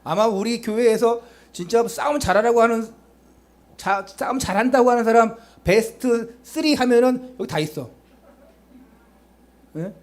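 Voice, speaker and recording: A man's voice: very high voice, unhurried, pauses often. A male pastor preaching a sermon, urging the congregation with rhetorical questions and chatty asides to them.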